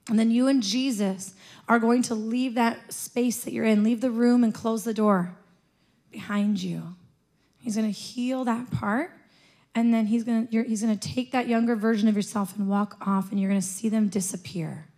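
A young woman speaking on a church stage with a handheld mic, gently coaching the congregation through a guided prayer. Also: a little high, steady tone, moderate pace.

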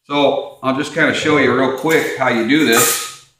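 A man's voice: medium pitch, steady tone, measured pace, pushed and bright. Plain-spoken man in an echoey garage. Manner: plain-spoken, practical, repeats phrases as he works. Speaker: host. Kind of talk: casual how-to demonstration. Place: large garage workshop, indoors.

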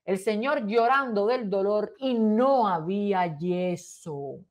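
A woman's voice: medium pitch, slow pace, a little mellow. A woman talk show host, reading a letter aloud in an indignant, dramatic way with emphatic stresses.

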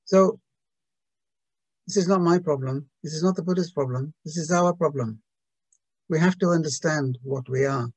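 Gravelly-voiced man giving a hesitant talk. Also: mid-range voice, no room sound, poor audio. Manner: hesitant, with many restarts and rhetorical questions. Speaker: Buddhist talk speaker. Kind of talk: reflective talk to a group.

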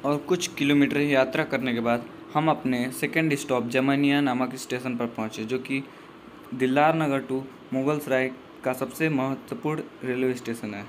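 A man's voice: mid-range voice, steady tone, moderate pace, a little hiss or hum. A young man narrating his train journey as a voice-over, in a casual, loosely worded way with restarts. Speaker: travel vlogger.

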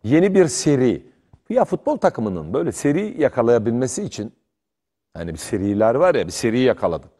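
Heated, animated male sports commentator. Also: medium pitch, fairly quick. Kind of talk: studio sports talk.

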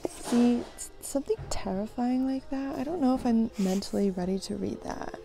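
Browsing books at a thrift store, a book vlogger chats casually, giggling and musing half to herself. Her voice is a little high, creaky and warm, and she speaks at a normal speed.

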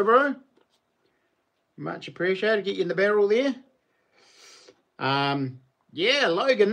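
A middle-aged man with a broad New Zealand accent, chatting casually and matily to viewers as a livestream host, in a laid-back, slangy way. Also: on the high side. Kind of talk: casual chat to live viewers. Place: living room at home.

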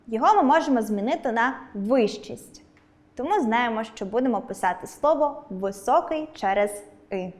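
A woman teacher giving a scripted online lesson, speaking clearly and stressing each example word. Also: on the high side. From Ukraine.

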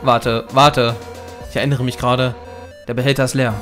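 A man's voice: mid-range voice, level tone, moderate pace, close to an everyday voice. A man reading the lines of a fierce, brash female fish warrior captain in a game, in boisterous bursts, with faint game music behind. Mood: hasty. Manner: boisterous, loud bursts, chuckling. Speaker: Let's Play gamer reading dialogue. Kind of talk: reading game dialogue aloud.

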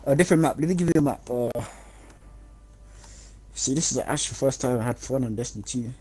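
A young man streaming a game and chatting with friends, excitable, yelping and laughing often. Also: medium pitch, quick pace, faint music behind. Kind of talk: casual gaming chat with friends.

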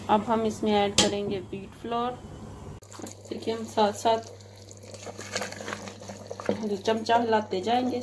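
Home-cook host, woman, Pakistani Urdu accent, monotone and unhurried, phone recording with clear kitchen sizzle. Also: medium pitch, noisy background. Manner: steady, even, unhurried instructions. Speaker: cooking channel host. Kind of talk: step-by-step recipe narration.

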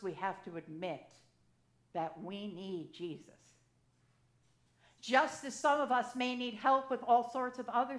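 An assisting priest in her sixties preaches into a gooseneck microphone at the pulpit, telling stories conversationally and gesturing with energy. Her voice is medium in pitch, and the church sanctuary around her is echoey.

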